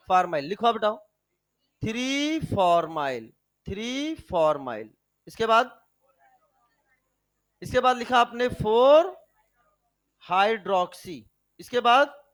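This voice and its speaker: A male chemistry teacher giving an energetic lecture, firing questions at his students and calling them "beta" as he coaxes and scolds. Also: extremely high pitch. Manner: animated, fires rhetorical questions at students.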